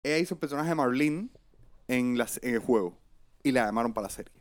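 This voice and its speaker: Guy rattling off stuff super quick, hyped, keeps saying papá. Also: medium pitch. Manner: rapid, excitable, says "papá" a lot. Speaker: podcast co-host. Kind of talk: casual chat.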